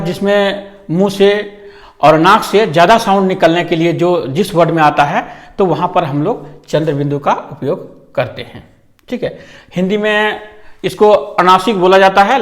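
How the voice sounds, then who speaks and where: A man explaining a lesson to students in a halting way, with many repeated filler phrases and restarts. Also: sits high. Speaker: tutor.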